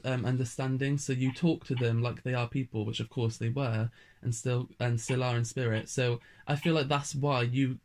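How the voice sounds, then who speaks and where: A man interviewing a guest in casual chat, eager and complimentary. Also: mid-range voice.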